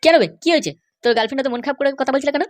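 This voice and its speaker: A woman's voice: medium pitch, very fast, no echo, close to an everyday voice. A woman voicing a nosy young cartoon man who questions and advises his friend. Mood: prying. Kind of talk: cartoon voice acting.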